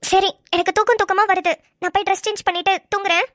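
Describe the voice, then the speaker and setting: Cartoon: woman playing a teasing, stubborn young wife; very high, dry close voice. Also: steady tone, fast, fairly bright tone, dry recording. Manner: teasing, haughty. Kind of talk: amateur cartoon voice acting.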